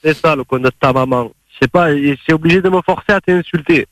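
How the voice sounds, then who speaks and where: An irritated man with a Marseille accent argues on a phone call aired on radio. He talks fast in a slightly high voice, confrontational and foul-mouthed. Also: no room sound. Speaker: prank call recipient. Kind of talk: heated phone conversation.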